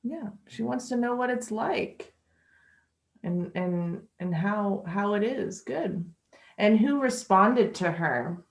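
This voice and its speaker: During an online lesson, a woman teaches English slowly and patiently, chatting and laughing lightly. Her medium-pitched voice is animated with some vocal fry, and the room sounds echoey.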